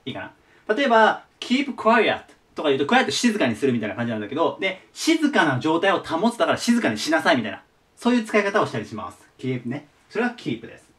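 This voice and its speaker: Male tutor, patient, repeats forms, very animated pitch, a bit off-mic. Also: fast talker, distant mic. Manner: patient, repeats each word form. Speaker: teacher. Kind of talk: explaining English vocabulary to students.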